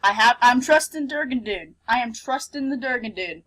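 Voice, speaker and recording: Expressive, higher-pitched woman gamer. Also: normal speed. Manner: expressive, giggly, playful. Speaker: let's play host. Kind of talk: game commentary and reading on-screen text aloud.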